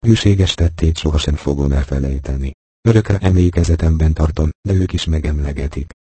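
Proud solemn boy king, man reading it, super deep dark voice. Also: husky, no room sound.

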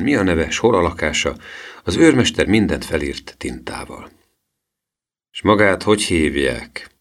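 Deep-voiced man reading an audiobook. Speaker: audiobook narrator. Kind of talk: scripted narration.

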